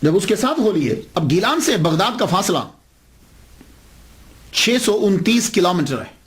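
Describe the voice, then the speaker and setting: An Islamic preacher with a high, sing-song voice tells a saint's story as a sermon. He acts out the dialogue, swinging his voice widely.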